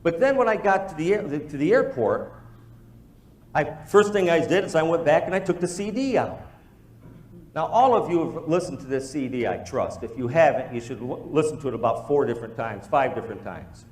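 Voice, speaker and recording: This business presenter speaks briskly in a voice on the high side, animatedly telling stories to a live group in a motivational talk and acting out the dialogue he quotes. The sound is reverberant.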